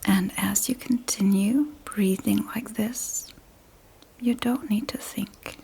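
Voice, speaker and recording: This woman is a meditation guide, leading a sleep session in a soft, breathy ASMR whisper with short phrases separated by long pauses. She sounds soothing, her tone steady and her pitch medium. The recording quality is low.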